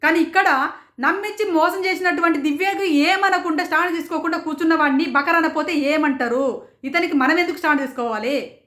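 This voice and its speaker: A woman reviewing a reality show in rapid, indignant commentary, firing off rhetorical questions. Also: sits high, fairly bright tone, reverberant. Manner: rapid, rhetorical, indignant, quotes others in raised voices. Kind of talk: passionate commentary.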